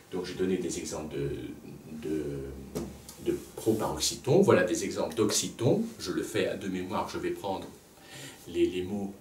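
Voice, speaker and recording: A man teaching a music lesson at a blackboard, pausing to think aloud and repeating words to show where the stress falls. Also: deep voice. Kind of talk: lecture at a blackboard. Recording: echoey room, voice from a distance, faint background noise.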